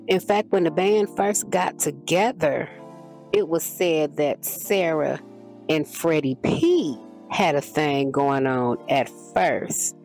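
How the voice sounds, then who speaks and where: A woman's voice: sits low, darkish tone. A woman hosting a commentary show, talking in a casual, slangy way. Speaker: commentary channel host.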